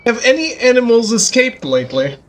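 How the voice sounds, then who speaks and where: A man with a high-pitched voice plays a detective game. He talks casually and playfully, putting questions to characters in a joking manner. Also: sing-song, a little fast. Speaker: gamer playing a detective game. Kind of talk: casual gameplay chat.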